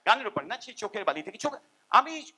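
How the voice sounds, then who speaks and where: Older guy rambling at a seminar, bright lively voice, goes up and down a lot, hums bits of tunes. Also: sits high, fast, husky. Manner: animated, rambling, self-deprecating, hums tunes. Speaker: seminar speaker, musician. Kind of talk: informal seminar talk.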